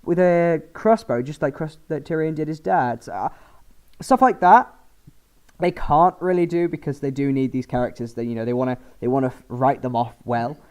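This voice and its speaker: A man co-hosting a podcast in a casual chat, animated, acting out quotes, sometimes trailing off quietly. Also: a little high, moderate pace, clear, resonant tone. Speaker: podcast co-host.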